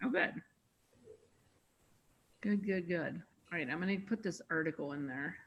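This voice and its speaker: A woman's voice: lowish voice, expressive, normal speed, slight background noise. A woman hosting a casual video call meeting, chatting loosely with many restarts. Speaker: meeting host.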